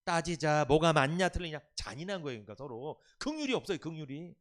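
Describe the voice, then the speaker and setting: Fast-talking and very animated, this pastor's fairly high voice drives an emphatic Sunday afternoon sermon. He keeps quizzing the congregation and getting them to echo his phrases back.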